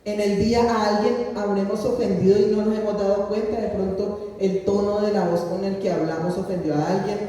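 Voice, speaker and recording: A woman's voice: mid-range voice, fairly even intonation, fairly quick, hardly any pauses, dark tone, far from the mic. Woman preaching in an echoey hall. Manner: storytelling, acts out voices in her anecdote. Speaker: guest pastor. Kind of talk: sermon with personal testimony. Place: church hall.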